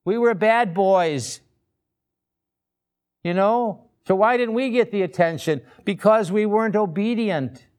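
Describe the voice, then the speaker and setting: A man delivering a sermon at an unhurried, deliberate pace. His voice is fairly high for a man and clear and resonant. He presses his points with emphatic rhetorical questions. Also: darkish tone. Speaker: preacher.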